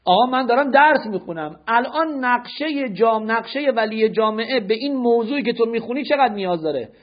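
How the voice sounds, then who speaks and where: A man's voice: very high voice, lively intonation. A man giving a religious lecture, firing rhetorical questions at his listeners and correcting their notes. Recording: dull lo-fi lecture recording.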